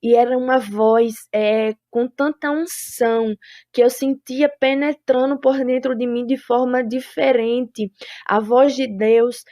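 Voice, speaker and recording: Woman, fairly high voice, solemn testimony, very slow, dry close sound. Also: steady tone, warm tone, no room sound. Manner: solemn, deliberate storytelling. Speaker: person giving a testimony. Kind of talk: religious testimony of a vision.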